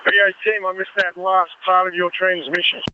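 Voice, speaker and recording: A man, a fire commander, giving crisp, informal, direct orders over a two-way radio. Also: high voice, level tone, moderate pace. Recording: muffled two-way radio, clear static and clicks.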